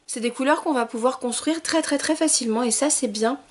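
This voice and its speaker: A young woman talking through a makeup tutorial, chatty and thinking aloud as she works, often trailing off softly. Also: sits high, a little fast. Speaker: beauty vlogger.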